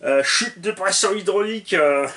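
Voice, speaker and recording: A man's voice: high voice, a little slow, bright, forceful tone, voice pushed up. A man playing a panicking pilot calling mayday from a failing aircraft, mock-dramatic and laughing between phrases, recorded in his workshop from some distance. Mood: mock panic. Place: home workshop.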